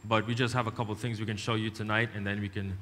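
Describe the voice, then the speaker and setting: Bright-voiced man preaching. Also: fairly low pitch, little pitch movement. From Trinidad and Tobago. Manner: speaks in short phrases with pauses for translation, many fillers. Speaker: missionary preacher. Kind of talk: preaching testimony through an interpreter. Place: church hall. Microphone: handheld microphone. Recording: echoey church hall, faint noise.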